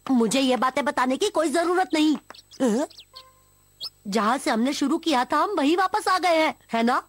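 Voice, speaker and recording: A woman's voice: high-pitched, lively intonation, moderate pace. Woman voicing a flustered serious cartoon boy. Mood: exasperated. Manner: earnest, flustered, exasperated. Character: serious, easily exasperated boy, Shinchan's friend. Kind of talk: Hindi cartoon dub. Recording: cartoon music underneath.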